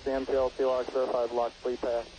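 A man's voice: mid-range voice, completely flat delivery, a little fast, dark tone. Clipped man on a launch control radio loop. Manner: clipped, businesslike. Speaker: launch control team member. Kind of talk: procedural radio loop callouts. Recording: faintly noisy radio loop.

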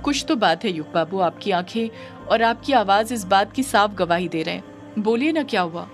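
A woman's voice: mid-range voice, lively intonation, normal speed, faint music behind, close to an everyday voice. A woman voicing an affectionate young woman who speaks in a tender, coaxing, playful way in an audio story.

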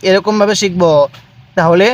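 A man teaching Quran letter reading, drilling each sound slowly and asking viewers to repeat after him. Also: sits high, little pitch movement. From Bangladesh. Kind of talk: recitation lesson, spelling out letters.

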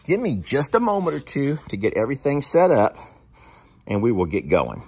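Filming himself on a phone at arm's length, a husky farm vlogger in his 30s chats casually outside on his rural land. He's animated and folksy, with a mid-range voice at a moderate pace, talking viewers through things and calling out to his kids.

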